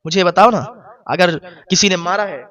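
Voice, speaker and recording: A man's voice: sits high, muffled recording. A man preaching a sermon who voices a kind, wealthy man earnestly consoling a crying stranger. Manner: warm, reassuring, earnest. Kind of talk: sermon storytelling.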